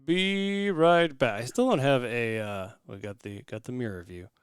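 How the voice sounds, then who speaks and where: A man's voice: lowish voice, moderate pace, smooth, no echo, studio quality. A man hosting a casual podcast, laughing often and talking loosely with restarts. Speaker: podcast host.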